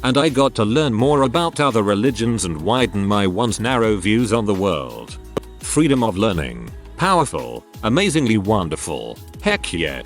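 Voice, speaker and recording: A man's voice: on the low side, sing-song, moderate pace, soft background music. A man narrating a string of short online posts in a scripted reading voice. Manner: reads out short posts one after another.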